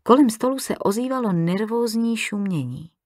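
A woman narrating an audiobook thriller in a calm, measured way. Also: fairly high pitch, no echo, studio quality. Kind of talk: scripted narration.

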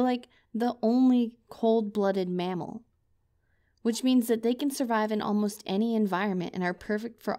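A woman's voice: medium pitch, warm tone. A young woman performing a scripted comedic girlfriend role-play, talking to the listener in a playful, teasing, rambling way.

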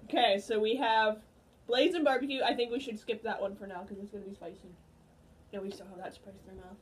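A woman hosting a food-tasting vlog in casual chat, giggly and quick to scold her co-host. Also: medium pitch, fairly even intonation, slight background noise.

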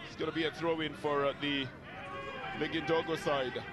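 High-pitched Kenyan man commentating live football. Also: little pitch movement, moderate pace.

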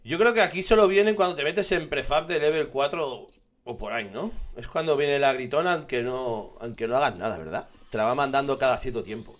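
Young guy chatting over his gameplay, excitable, swears a lot, middle-pitched voice. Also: a little fast. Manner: excitable, swears and shouts at sudden scares. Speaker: gaming streamer. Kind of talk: casual gameplay commentary.

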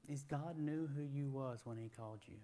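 A man's voice: medium pitch, normal speed, dark tone. A man, preaching a sermon in a folksy, conversational way with rising emphatic questions, in a church sanctuary on a lapel mic. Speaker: guest preacher.

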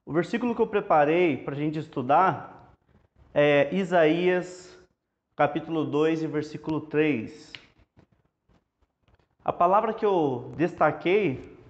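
Brazilian man, casual whiteboard lesson, chatty step-by-step, somewhat high pitch, muffled lo-fi audio. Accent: Brazilian Portuguese. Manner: relaxed, chatty, explains step by step. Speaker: Hebrew teacher. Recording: dull lo-fi classroom audio.

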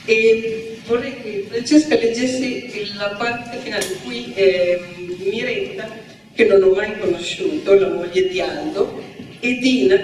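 A woman author talking about her book at a presentation, rambling with many hesitations. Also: medium pitch. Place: large event hall. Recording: echoey hall, distant mic, audible noise.

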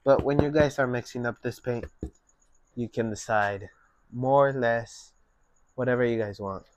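A young man giving a relaxed, step-by-step painting lesson at his easel. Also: medium pitch. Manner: slow, relaxed step-by-step instruction. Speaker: painting instructor. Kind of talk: painting tutorial.

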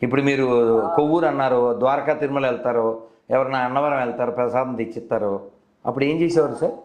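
This man speaks fast in a medium-pitched, somewhat mellow voice. Hosting a casual debate over the phone, he keeps probing with leading questions, and the call recording sounds roomy and echoey.

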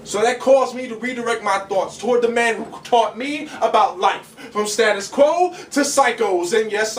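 On a small bar stage, a young man whose voice sits high delivers a spoken word poem in a rhythmic, emphatic style, sweeping his arms wide. He's captured through a stand mic by a far-off camera, leaving a roomy echo and slight background noise.

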